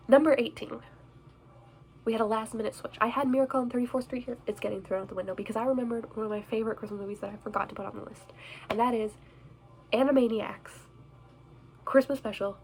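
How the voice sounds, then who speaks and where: A woman's voice: fairly high pitch, a little hiss or hum, poor audio. Chatty young woman vlogger. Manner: chatty, bubbly, self-deprecating. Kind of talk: casual chat reviewing movies. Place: indoors in front of a Christmas tree.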